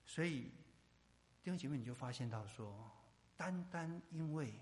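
A male pastor preaching a sermon with emphatic repetition, swinging from loud to hushed. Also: fairly high pitch, expressive, normal speed, long reverb tail.

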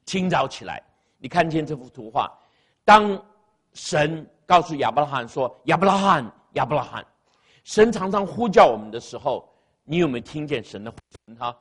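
A pastor preaches into an amplified microphone in a church sanctuary with a sound system, his fairly high, slightly rough voice swinging widely in pitch at a moderate pace. He repeats key phrases for emphasis and engages the congregation, calling on them to answer aloud.

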